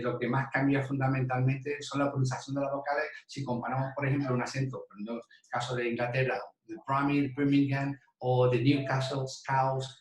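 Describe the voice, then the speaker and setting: A man lecturing teachers on English pronunciation, explaining step by step with frequent restarts. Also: medium pitch. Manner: explanatory, with many restarts and repeated "de". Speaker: university lecturer in English phonetics. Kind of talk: recorded teacher-training talk. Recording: echoey room, mic at a distance.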